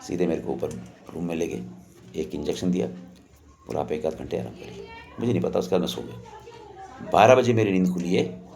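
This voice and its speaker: Extremely low and creaky, with a darkish tone, the voice belongs to an older man sharing a personal story. He wanders along in a relaxed, chatty way, frequently voicing other people's words.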